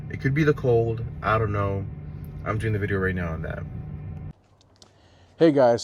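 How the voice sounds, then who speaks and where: Standing outdoors by a public car charger, a man with a Mexican Spanish accent talks casually to his camera in a rambling, self-deprecating vlog. He has a medium-pitched, somewhat dark voice.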